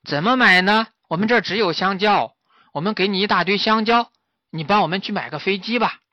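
A man voicing a band of eager, chattering little monkeys in a spoken children's story, with high excited questions. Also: brisk, no room sound, lightly acted. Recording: slightly muffled dry recording.

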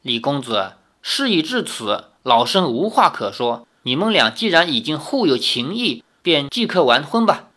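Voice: medium pitch, sing-song, normal speed, few pauses, pushed and bright. A reader voicing a stern, formal old grandmother who guards her granddaughter. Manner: formal, commanding, severe.

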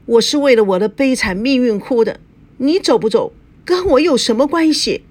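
A wronged young bride from a rich family answers in an aggrieved, defensive voice with a lively pitch, as a woman reads her lines. She sounds stung and put upon in this spoken story. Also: normal speed.

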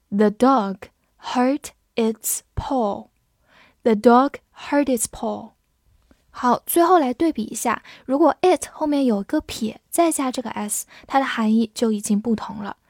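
A woman with a fairly high voice gives a patient vocabulary lesson, spelling each word out letter by letter. She reads example sentences slowly and clearly. The sound is dry and close, with no room echo. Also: darkish tone. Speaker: English teacher.

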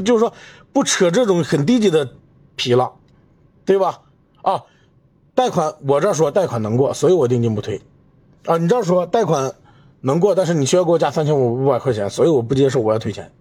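Man, podcast host, indignant rant, rhetorical questions, slightly high voice. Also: a little mellow, breathy edge. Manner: indignant, emphatic, addresses listener with rhetorical questions. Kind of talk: solo commentary rant.

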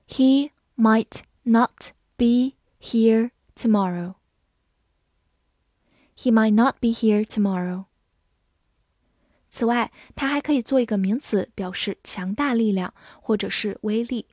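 A woman teaching English vocabulary in Chinese, spelling each word letter by letter and reading example sentences slowly and carefully. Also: medium pitch, a little mellow, dry recording, clean studio sound. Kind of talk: scripted vocabulary lesson.

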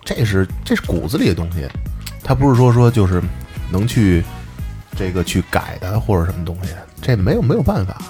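A man with a Beijing accent in casual chat, telling stories in a colloquial, animated way. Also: low-pitched, fairly quick, faint music behind. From Beijing, China. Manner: colloquial, animated agreeing and re-enacting. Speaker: podcast panelist.

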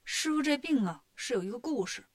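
A woman's voice: fairly high pitch, expressive, fairly quick. A woman voicing a boastful, cheeky male monkey king who talks brashly and teases. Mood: cocky. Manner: brash, bragging and teasing.

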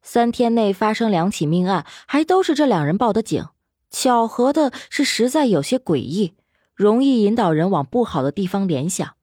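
A woman narrating a serialized novel in an expressive storytelling manner. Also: medium pitch, normal speed, no echo, studio quality. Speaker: audiobook narrator.

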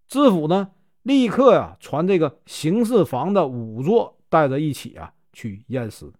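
A Northeastern-accented man tells a classic tale in a folksy storytelling voice, drawing out little filler syllables. His pitch sits slightly high and moves lively, and the recording is dry and close. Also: unhurried, no room sound. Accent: Northeastern Mandarin. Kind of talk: storytelling narration.

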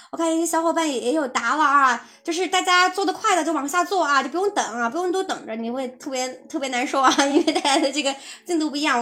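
A woman's voice: sits high, fairly bright tone. A woman teaching English in a live-streamed lesson, chatty and encouraging as she answers viewers' messages. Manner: chatty, encouraging, reads out chat replies with laughs.

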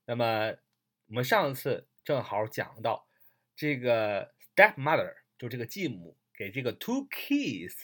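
A teacher giving a recorded English lesson, explaining in Chinese and repeating English phrases slowly, with many "ah" fillers. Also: mid-range voice, very animated, a bit bright. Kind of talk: recorded audio vocabulary lesson.

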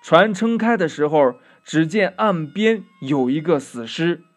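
Guy reading a kids story real slow and expressive, light music behind. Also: fairly high pitch. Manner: slow, expressive, drawn-out "呀" endings. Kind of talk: children's story narration.

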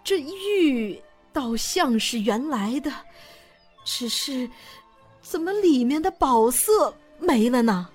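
A man's voice: extremely high pitch, animated, takes it slowly, breathy edge, faint music behind, voice pushed up, heavily acted. A man voicing a stern kindly old grandmother. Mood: puzzled.

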